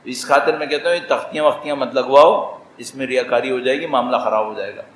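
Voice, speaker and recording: A man with a Pakistani Urdu accent delivering a sermon, animated and rising to emphatic exclamations. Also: mid-range voice, a little hiss or hum. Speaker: religious speaker. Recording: echoey hall, faint ambience.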